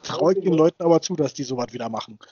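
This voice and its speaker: A man's voice: fairly high pitch, animated, fast talker, dark tone, slightly rough, no room sound. A man in his thirties co-hosting a casual podcast, rambling with many fillers and restarts. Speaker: podcast co-host. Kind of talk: casual chat. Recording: dull dry sound.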